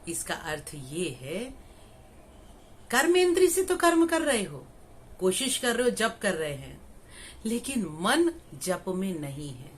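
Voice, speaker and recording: A woman's voice: medium pitch, very animated, slow, slight background noise. A middle-aged woman, a spiritual teacher, explains scripture with homely examples and rhetorical questions. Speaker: Gita teacher and spiritual life coach. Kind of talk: slow spiritual discourse on scripture.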